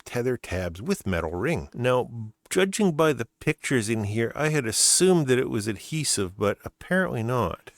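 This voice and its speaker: With a mid-range voice, a middle-aged Canadian man opens items from his mail and tests them, chatting casually and thinking aloud. The vlog has studio-quality sound with no echo.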